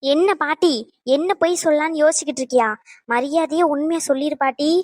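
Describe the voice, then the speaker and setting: A woman's voice: high voice, a little fast, a little mellow, dry recording, clean studio sound, natural voice. A woman voicing a bossy young granddaughter in a cartoon who scolds and threatens her grandmother. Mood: scolding. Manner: scolding, demanding.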